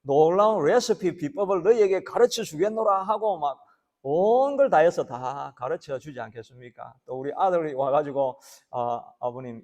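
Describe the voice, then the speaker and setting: Male pastor, middle-aged, slightly high voice, slow plain-spoken sermon, acts out voices in his stories. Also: a little mellow.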